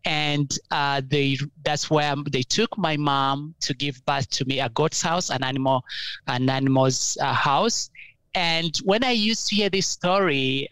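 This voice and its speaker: A young man with a Ugandan accent, telling his life story as an interview guest in an earnest, halting way with many fillers and restarts. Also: a little high, a bit bright, smooth, no room sound, rough recording.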